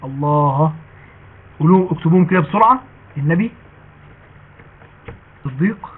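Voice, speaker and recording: A man with an Egyptian Arabic accent giving a chatty religious lesson to women. He slows down when he recites quoted sayings. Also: fairly high pitch, animated, slightly rough. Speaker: preacher teaching women. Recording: tinny phone-like recording.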